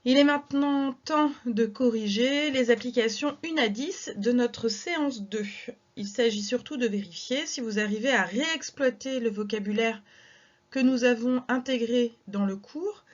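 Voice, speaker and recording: A woman teacher going through exercise corrections in a recorded lesson, counting syllables aloud with slow, careful delivery. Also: fairly high pitch, lo-fi sound.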